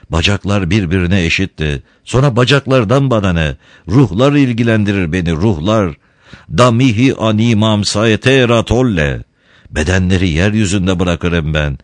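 A man voicing a calm, gently chiding Christ. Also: low-pitched, no echo, clean studio sound, lightly acted. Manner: calm, patient, gently ironic.

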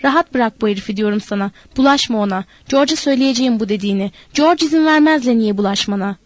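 A woman's voice: a little high, fast talker, darkish tone, dry recording, lightly acted. Woman voicing a nervous old ranch hand. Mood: pleading.

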